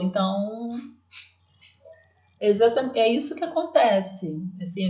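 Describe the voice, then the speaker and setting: A woman's voice: mid-range voice, darkish tone, dull audio. Chatty woman teacher, roomy sound. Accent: Brazilian Portuguese. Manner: chatty, many fillers and restarts. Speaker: literacy teacher. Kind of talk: explaining classroom practice to viewers.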